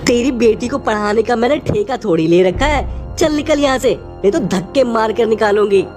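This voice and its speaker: A woman voicing a harsh rich woman who employs a maid, scolding and contemptuous, for an animated story. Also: medium pitch, moderate pace, faint music behind, natural voice.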